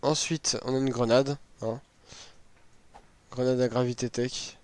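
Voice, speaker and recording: A man hosts a gaming video in a hoarse, worn voice that sounds sick. His pitch is average, and he explains things informally, with some hesitation. The recording is dry and close. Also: little pitch movement, a little slow, dry recording. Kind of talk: casual game item walkthrough.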